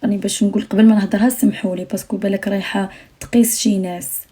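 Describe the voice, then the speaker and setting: A woman's voice: mid-range voice, level tone, rapid-fire, warm tone, husky. A young Algerian woman talking earnestly to her viewers on a late-night live stream, repeating her phrases and sometimes dropping almost to a whisper.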